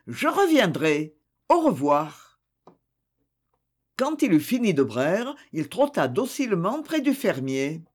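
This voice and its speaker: A narrator reading a children's story aloud in a slow, expressive way. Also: medium pitch, husky.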